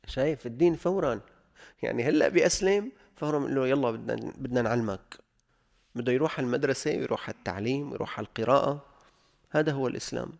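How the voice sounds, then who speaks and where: Gravelly man teaching religious law. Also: medium pitch. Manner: reads the text, then explains it in colloquial speech; repeats examples slowly for emphasis. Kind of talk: explaining a jurisprudence text.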